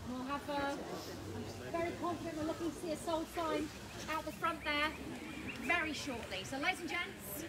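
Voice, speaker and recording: A woman in her thirties calling a live house auction outdoors with upbeat, persuasive patter, often repeating the current bid. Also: high-pitched. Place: outdoors on a suburban street in front of a house. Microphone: far camera. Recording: loud street noise, distant camera audio.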